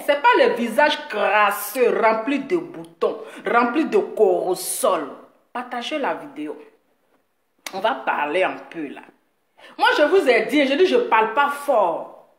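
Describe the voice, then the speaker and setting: A woman talking straight to her viewers in a boastful, mocking rant, teasing her critic with drawn-out words and frequent laughs. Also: fairly high pitch, very animated, a bit bright. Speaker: video blogger addressing her audience. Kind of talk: boastful direct-to-camera rant. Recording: echoey room.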